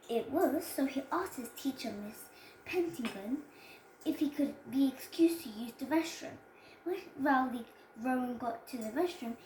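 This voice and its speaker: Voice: high-pitched, a little mellow. A child reads a children's story aloud, stumbling over words and going back to repeat phrases. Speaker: child reader presenting a storybook. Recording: roomy echo with background noise.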